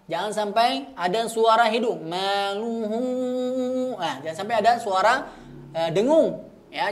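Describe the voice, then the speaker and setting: Male recitation teacher, unhurried and methodical, drills pronunciation patiently. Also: high voice. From Indonesia. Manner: patient, repeats sounds many times, frequent "ya" checks. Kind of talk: slow step-by-step recitation lesson.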